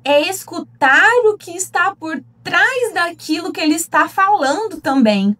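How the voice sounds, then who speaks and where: A woman's voice: very high voice, lively intonation, a little slow, sharp tone. A Brazilian woman, a relationship therapist, giving an earnest teaching talk and asking her listeners direct questions. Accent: Brazilian Portuguese. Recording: voice a bit distant from the mic.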